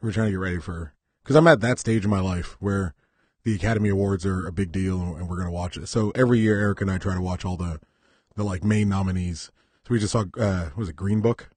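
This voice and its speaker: A man's voice: low-pitched, quick pace, darkish tone, slightly rough, dry recording. A man from Southern California, a podcast co-host in casual chat, talking bluntly with swearing and mock-patriotic rants.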